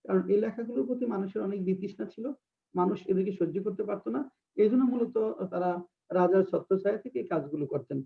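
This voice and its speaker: A man giving an online exam-prep lecture, hesitating often and slowly dictating and repeating definitions. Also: high-pitched, gravelly. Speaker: English literature teacher. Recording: distant, tinny phone-like sound.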